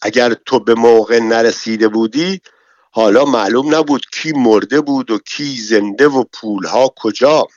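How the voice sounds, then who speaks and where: A man's voice: mid-range voice, no room sound, lightly acted. A man playing a commanding old bank chief. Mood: praising. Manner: loud, commanding. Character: older male bank chief, commanding and triumphant. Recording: dull, dry, lo-fi recording.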